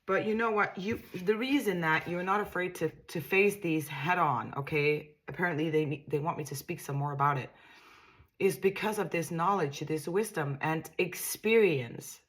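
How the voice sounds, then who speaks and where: At a moderate pace and fairly low pitch, a woman with a Danish accent gives an easygoing tarot reading to camera. She reflects aloud in a soothing way, with many repetitions and restarted sentences.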